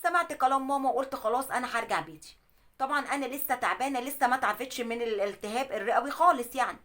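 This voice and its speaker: A woman with an Egyptian accent narrating a dramatic first-person life story with emotional, animated delivery, then giving advice. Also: high-pitched, very fast. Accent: Egyptian Arabic.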